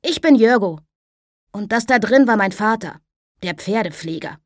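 A woman's voice: mid-range voice, animated, moderate pace, no echo, studio quality, pitched above the performer's own voice, natural voice. A woman voicing a curious, friendly young farm boy who chats eagerly. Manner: eager, chatty.

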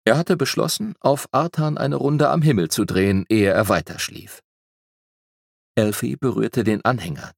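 A man narrating a children's fantasy audiobook as a lively storyteller, shifting his pitch for emphasis. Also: vocal fry, dry recording, clean studio sound.

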